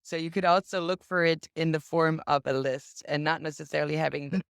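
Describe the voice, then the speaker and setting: Her voice is low, gravelly, clear and resonant, with little pitch movement and a brisk pace, recorded as clean studio sound without echo. She's a woman guest on a video call, casually demonstrating a casting database. While she explains, she acts out an example search.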